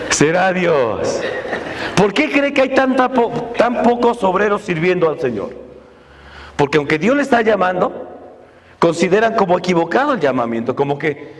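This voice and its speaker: A man's voice: high-pitched, big pitch swings, normal speed, pauses often. A man preaching a sermon as pastor, often asking the congregation rhetorical questions. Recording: long reverb of a church hall.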